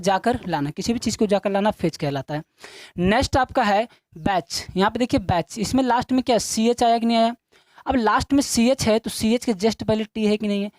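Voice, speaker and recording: A woman's voice: mid-range voice, a little mellow, no echo. A woman teaching an English lesson, asking questions and answering them herself, repeating each point to her students. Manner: repetitive drilling, addressing students as children. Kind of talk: classroom-style video lesson.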